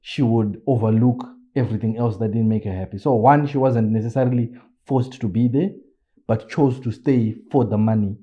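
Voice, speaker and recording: A man reacting to a video, reasoning aloud in a measured way with some fillers. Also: mid-range voice, muffled recording. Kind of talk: casual reaction commentary.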